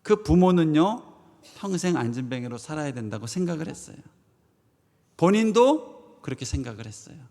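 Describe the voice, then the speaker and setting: A pastor preaching a Sunday sermon, swinging from loud proclamations to hushed asides and asking the congregation rhetorical questions. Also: male voice, on the high side, sing-song, normal speed, long pauses. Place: church sanctuary. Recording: long church reverb.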